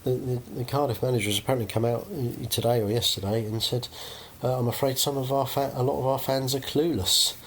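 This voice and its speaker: A man's voice: mid-range voice, fairly even intonation, quick pace, few pauses, a little hiss or hum. A man hosting a casual podcast chat, hedging often and ending points with tag questions.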